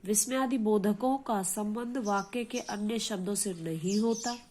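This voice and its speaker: A school teacher gives a grammar lesson, explaining slowly and patiently and frequently checking in with questions to her students. Her voice is mid-range with a darkish tone, and the recording has a little hiss or hum.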